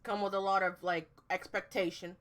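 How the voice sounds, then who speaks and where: A woman hosting a podcast, playful and chatty, tossing in quick asides. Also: medium pitch, little pitch movement, a bit bright. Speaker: podcast host. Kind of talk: casual podcast conversation.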